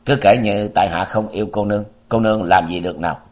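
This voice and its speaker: A proud young swordsman answers with formal, defiant courtesy, as a man reading the story voices him. His voice is deep. It plays out in a martial-arts audiobook. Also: steady tone, fast talker, close to an everyday voice.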